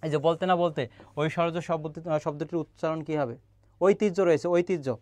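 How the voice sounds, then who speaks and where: A young man runs a live-streamed grammar lesson, his voice sitting fairly high for a man. He keeps asking the viewers questions and reads their comments back to them. The sound is dry and close, with no room around it. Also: steady tone, moderate pace, darkish tone, dry recording. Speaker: online admission-prep teacher.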